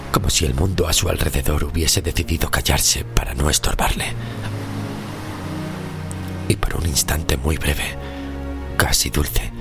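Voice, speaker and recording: An actor voices a weary, tormented sailor shipwrecked in the sixteenth century, narrating a horror audio drama gravely, slowly, and in a literary style. His male voice is very deep, gravelly, and exaggerated, with music playing beneath it.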